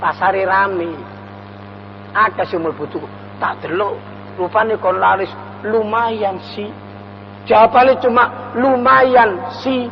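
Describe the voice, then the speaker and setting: A man's voice: high voice, fairly even intonation, takes it slowly. A man preaching a mosque lecture with an East Javanese accent. He recites Arabic verses and then explains them in a homely, joking way. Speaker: Islamic preacher. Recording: reverberant hall, dull sound, faint mains hum.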